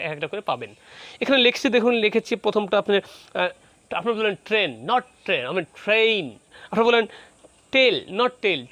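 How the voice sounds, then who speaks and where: A man's voice: high-pitched, a bit bright, no echo. A man with a Bangladeshi accent teaching English pronunciation, explaining step by step, repeating words and checking with "okay?". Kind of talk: recorded pronunciation lesson.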